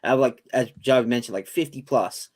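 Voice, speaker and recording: A man's voice: mid-range voice, moderate pace, darkish tone. Enthusiastic British man on a podcast. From Britain. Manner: enthusiastic, swears casually. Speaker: co-host. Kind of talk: casual podcast debate.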